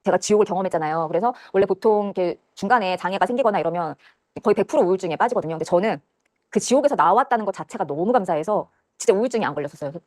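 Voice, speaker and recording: Young woman, rushed earnest testimony, dry close sound, middle pitch. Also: lively intonation, darkish tone, dry recording. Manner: earnest, rushed storytelling, acts out quoted voices. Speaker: testimony guest. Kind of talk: personal testimony interview. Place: church studio.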